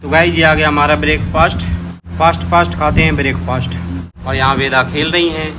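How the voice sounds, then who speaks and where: A man's voice: a little high, level tone, a little fast. A man chatting casually for a family vlog, teasing kids and joking around. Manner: playful, teasing, talks to little children. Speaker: vlogger. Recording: noisy outdoor phone recording.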